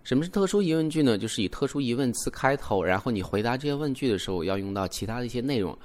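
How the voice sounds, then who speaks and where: A man's voice: medium pitch, expressive, darkish tone. A young man hosting an English lesson podcast, explaining patiently and demonstrating rising and falling intonation on example words. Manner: explains slowly, demonstrates English intonation with exaggerated rises and falls. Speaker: English teacher and podcast host. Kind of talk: bilingual language lesson.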